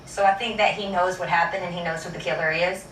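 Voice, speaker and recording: A woman's voice: fairly low pitch, fairly even intonation, fast talker, a bit bright, roomy sound, distant mic, a little hiss or hum, rough recording. A woman talking candidly as an interviewee in a documentary. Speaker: interviewee, victim's relative.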